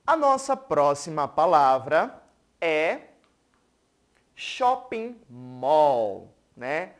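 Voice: mid-range voice, very animated, very slow. A teacher with a Brazilian Portuguese accent gives a televised school lesson, patiently checking in with the class and having viewers repeat words. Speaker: English teacher.

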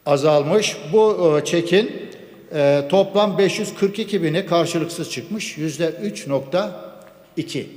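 A man addresses a large chamber from the rostrum microphone, his slightly raised voice carrying a long hall echo. He speaks in a measured, formal way, piling up laws, dates and statistics. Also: a little high, a little mellow. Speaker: member of parliament. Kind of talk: formal parliamentary speech.

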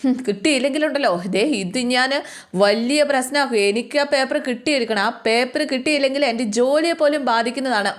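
A woman's voice: high voice, quick pace, lightly acted. A woman voicing an angry, domineering middle-aged bank officer who scolds and accuses her maid. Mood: angry scolding.

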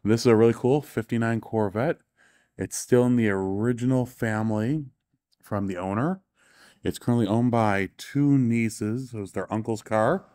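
A man who is a show tour guide and author leads an enthusiastic, offhand walking tour of cars in a large indoor exhibition hall, correcting himself along the way. His voice is medium-pitched and mellow at a normal speed, in clean studio sound.

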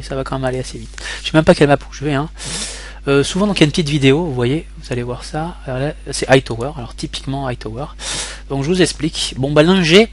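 A young man from France talking through gameplay as a tutorial host, rambling with many fillers and restarts. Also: medium pitch. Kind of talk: casual gameplay commentary tutorial.

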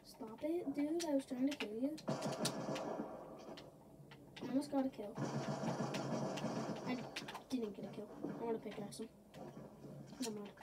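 A woman with a high voice talks through a video game as she plays, rambling and silly. Her jokes come one after another. A noisy background sits under her voice. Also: normal speed, long pauses. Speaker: gaming video creator. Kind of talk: gameplay commentary.

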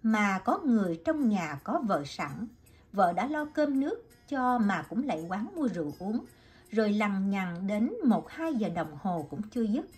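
A woman reading a story aloud as an audiobook narrator with an expressive delivery. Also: mid-range voice, a little slow, faint music behind. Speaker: audiobook reader.

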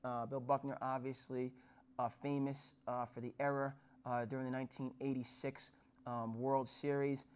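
At normal speed and a medium pitch, this New Jersey man in his thirties speaks in a level, clean, darkish tone. He hosts sports talk from a small studio with a dark backdrop. His phrasing is formal, with frequent fillers and restarts.

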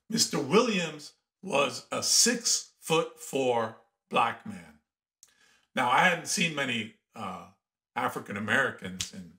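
A man in his fifties, born in Iran and a native Persian speaker, telling lively anecdotes as a podcast guest. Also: medium pitch. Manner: animated anecdotes with laughter and acted-out quotes. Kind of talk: casual storytelling interview.

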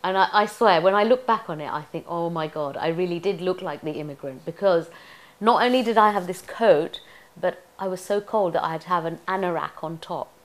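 A woman's voice: on the low side, brisk. A middle-aged woman from Tanzania, an actress, reminiscing in an oral history interview, chatty and reflective with frequent laughs.

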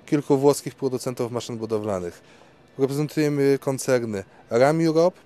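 A young man with a mellow, clear voice, speaking fluently and listing products. He is interviewed outdoors at a trade fair on a handheld mic. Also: medium pitch. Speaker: company representative. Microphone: handheld reporter mic.

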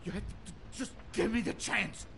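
A man's voice: high-pitched, moderate pace, creaky, a bit bright. An actor voicing a sleazy, cowardly middle-aged male official in a story game, stammering and pleading. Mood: frantic.

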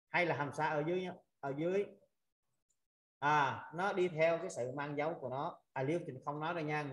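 Male teacher on a video call, patient and repetitive, roomy echo. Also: a little high. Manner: patient, repetitive, drawn-out drilling of sounds with frequent "à" fillers. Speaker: Arabic teacher. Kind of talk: online language lesson.

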